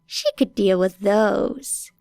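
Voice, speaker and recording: An audiobook reader, a woman with a mid-range, darkish voice, narrates fiction expressively. She speaks slowly and deliberately with heavy vocal fry, and the recording is very dry.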